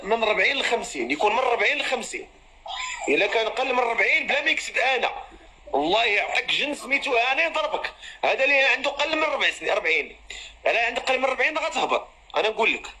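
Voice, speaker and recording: A man's voice: extremely high pitch, sharp tone, poor audio. A man with a Moroccan Arabic accent hosting a live matchmaking stream, chatting and calling out to viewers and callers.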